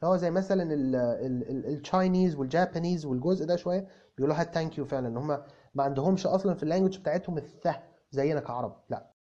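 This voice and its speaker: A man with an Egyptian Arabic accent speaks rapid-fire in a fairly high, dark-toned, natural voice, playing a cocky young English tutor who answers viewer comments. It's a comic video lesson: breezy explanations, stammered restarts, repeated examples. The recording is dull and lo-fi.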